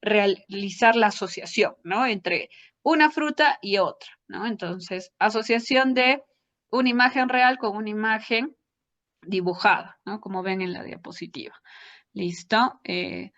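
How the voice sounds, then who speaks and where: A woman's voice: mid-range voice, a little slow, a bit bright. A woman lecturing, explaining step by step and checking in with her audience through short tag questions. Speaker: psychology lecturer. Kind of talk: academic lecture. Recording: dull lo-fi audio.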